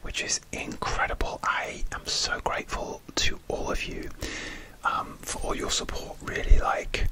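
A man speaking in a steady unvoiced whisper, rambling with many fillers and restarts as he hosts his ASMR video. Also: measured pace, poor audio. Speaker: ASMR creator.

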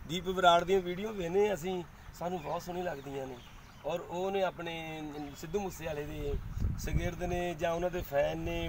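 A man's voice: on the high side, background noise. A man in his forties with a Punjabi accent, answering questions casually in an outdoor interview. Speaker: comic performer being interviewed. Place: outdoors in a leafy park.

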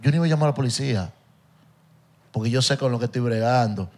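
A man's voice: medium pitch, quick pace, a little mellow. A man, a comedian guest on a podcast, telling a story in emphatic, repetitive bursts in casual chat.

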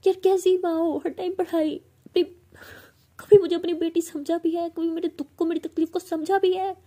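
A woman voicing a heartbroken young college woman who pleads in tears and shouts in anguish. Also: high voice, little pitch movement, fairly quick, vocal fry, voice pushed up. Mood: furious. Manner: tearful pleading, then furious shouting at her mother.

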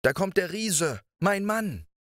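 A man's voice: fairly high pitch, expressive, a little slow, fairly bright tone, no room sound, studio quality, voice pushed up. A man voicing the kind, fearful wife of a giant in a storybook fairy tale, pleading in a raised tone. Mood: frightened.

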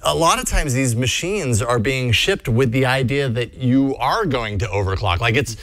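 A man's voice: medium pitch, expressive, moderate pace, a bit bright, no room sound. A male co-host asking curious, conversational questions. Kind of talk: casual interview.

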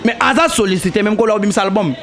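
A high-pitched young man talks fast and animatedly, pressing his points in a heated casual debate and moving between Lingala and French with mounting emphasis. The recording, made on a handheld mic held toward him in a small indoor studio, carries slight background noise.

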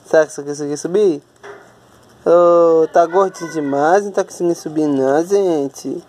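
A woman's voice: low-pitched, normal speed, mellow. A Brazilian woman cooing at her dogs in sing-song baby talk, pitying and coaxing them. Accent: Brazilian Portuguese. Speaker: pet owner filming her dogs. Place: at home by a staircase. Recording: noisy home video.

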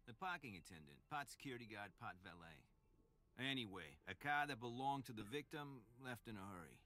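A man's voice: medium pitch, sing-song, a little fast, sharp tone. A man voicing a chatty, nervous male police officer with a Boston accent in a video game. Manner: rambling, eager to please.

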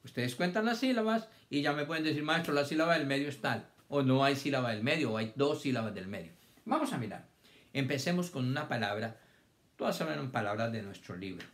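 A primary school teacher gives a children's reading lesson in a mid-range, expressive voice at a brisk pace. He patiently draws words out syllable by syllable. The audio comes from a camera set on a stand.

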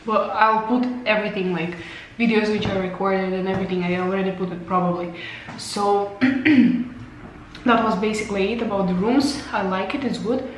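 In a tiled hotel bathroom that echoes, a young vlogger who isn't a native English speaker chats to a camera held at arm's length, laughing frequently as her voice fades. Her voice is mid-range, with slight background noise.

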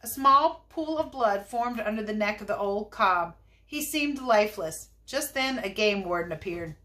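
A woman's voice: medium pitch, lively intonation, normal speed, fairly bright tone. A woman, a teacher, reading a children's novel aloud expressively, with chatty asides.

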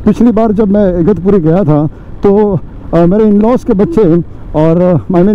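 A man in his forties with a high voice rides his motorcycle through the city and villages while vlogging, speaking to his audience as friends with many fillers. Recorded on a helmet or bike-mounted action camera mic, the sound is dull and lo-fi, with faint traffic and road noise in the background.

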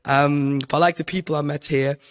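A man's voice: on the high side, steady tone, brisk. A young man from Switzerland, a podcast guest, talking casually over a headset mic with many ums and restarts. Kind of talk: casual interview talk. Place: home room, indoors.

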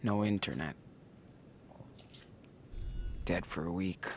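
A man playing a weary, protective teenage big brother in a video game, muttering casually in slang with a gravelly voice. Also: deep voice, brisk. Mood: weary, reflective. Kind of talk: naturalistic video game acting.

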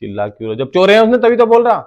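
A young man talks fast with a lively, swinging pitch in a heated argument at home. He keeps making accusations and waves off his wife with needling, dismissive remarks. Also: highs cut off. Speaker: husband pulling a prank.

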